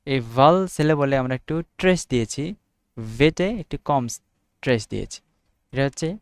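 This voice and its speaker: Young man, Bangladeshi Bengali accent, student lesson, reads definitions out slowly, dry close sound. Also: mid-range voice, clear, resonant tone, no echo. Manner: thinks aloud, reads English definitions slowly word by word. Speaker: student making study videos. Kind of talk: informal unedited study lesson.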